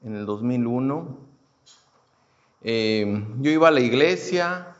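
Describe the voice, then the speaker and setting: Speaking at a mid pitch with lively intonation, a thirty-something churchgoer from Houston, United States, recounts his personal testimony. He's casual and halting, with fillers and false starts throughout, on a muffled, lo-fi recording.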